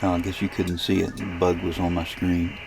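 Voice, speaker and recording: Inside a camper, a ham radio demonstrator and channel host narrates a casual screen demo, thinking aloud in an informal, unhurried way. His voice sits low and monotone, with clear electrical and radio interference noise in the background.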